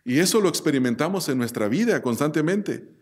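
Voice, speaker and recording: A male pastor delivering a sermon in a fairly high voice. He presses his points by repeating words and firing rhetorical questions at the listeners. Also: lively intonation, a little fast. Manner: emphatic, repetitive, rhetorical questions.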